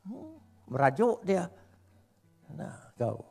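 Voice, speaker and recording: A middle-aged male pastor preaching a sermon in a church, swinging between loud emphatic calls and soft asides and joking with the congregation. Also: high-pitched, huge pitch swings, very slow, gravelly, husky, soft background music. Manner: jokes with the congregation in casual speech.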